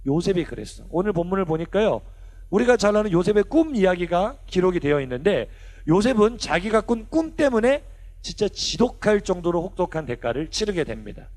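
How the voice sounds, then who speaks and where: A young man, a youth pastor, preaching a lively sermon to teenagers in a church hall, asking them questions and acting out quotes. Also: high-pitched, fairly quick. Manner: animated, asks the kids questions and acts out quotes.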